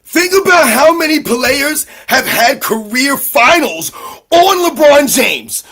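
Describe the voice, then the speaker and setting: A man co-hosting a sports talk show, loud and emphatic, acting out players' voices as he rants. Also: very high voice, sing-song, slow pace. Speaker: podcast co-host.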